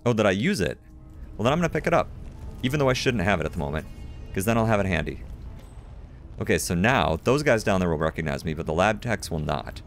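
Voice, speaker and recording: Lively, lowish-voiced man narrating gameplay. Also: fast, long pauses. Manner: chatty, self-mocking asides while playing. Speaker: gaming video host. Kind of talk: let's play commentary. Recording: commentary over game audio with music.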